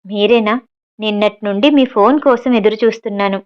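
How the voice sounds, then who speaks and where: A woman's voice: mid-range voice, a little fast, clean tone, dull audio, close to an everyday voice. A woman voicing a spirited, sulky young woman on the phone in her own voice.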